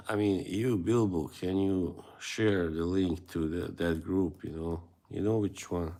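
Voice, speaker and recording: A low-voiced man from Bosnia and Herzegovina hosts a casual livestream, chatting with viewers. He rambles and hesitates, chuckling often.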